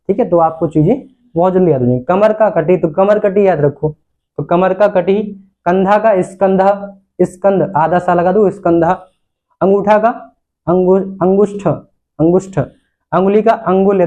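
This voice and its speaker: A man's voice: sits high, warm tone. A man teaches Sanskrit words in a classroom lecture. He repeats each term, then asks and answers his own questions. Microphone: recorded lesson video.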